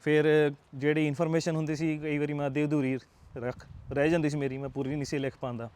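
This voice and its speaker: A young IELTS tutor with a Punjabi accent gives an earnest motivational talk to camera, coaxing viewers and checking in with rhetorical tags. His voice is fairly high and a little mellow, with little pitch movement, and he talks fast.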